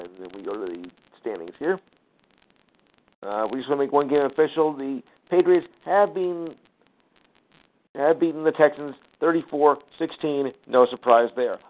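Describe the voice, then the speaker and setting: Scores and standings come in a steady stream from a mid-range male voice hosting a sports talk show. He fills the gaps with fillers, sighs and casual asides, and the phone-line audio sounds tinny.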